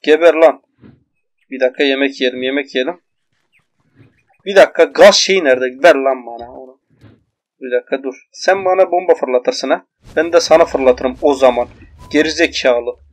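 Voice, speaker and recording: Excitable young man's gameplay commentary. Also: on the high side. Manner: loud exclamations and swearing at enemies. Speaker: gaming YouTuber. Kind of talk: excited let's-play commentary.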